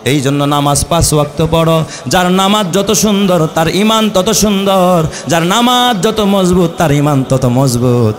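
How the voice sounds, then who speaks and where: High-pitched Bangladeshi man preaching passionately. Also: unhurried. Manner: impassioned, rhetorical, repetitive building phrases, chanted Quran verses. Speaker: Islamic preacher, mufti. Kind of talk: rousing waz sermon with call-and-response questions to the congregation.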